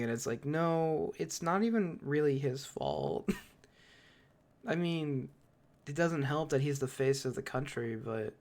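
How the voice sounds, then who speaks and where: A man co-hosting a podcast in casual chat, ranting with animated opinions and frequent swearing. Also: medium pitch. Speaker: podcast co-host.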